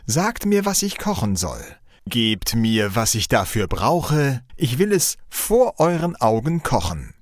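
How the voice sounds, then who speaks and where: A man's voice: medium pitch, big pitch swings, takes it slowly, dry recording, studio quality. A man voicing a small, ugly young dwarf who earnestly offers his cooking skill, in a storybook reading.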